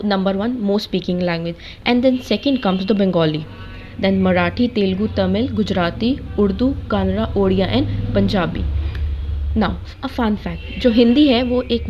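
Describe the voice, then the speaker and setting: A woman's voice: mid-range voice, darkish tone, a little hiss or hum. Woman teaching a lecture. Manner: mixes Hindi and English, lists points one by one. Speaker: B.Ed. course teacher. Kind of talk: explanatory lecture. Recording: slightly dull lo-fi recording.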